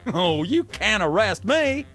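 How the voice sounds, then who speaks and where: A dim cartoon game president in a very high voice that swings widely. He rambles in a folksy, oblivious way, with music behind him. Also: very animated, slow, fairly bright tone, exaggerated voice. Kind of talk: comic cartoon game acting.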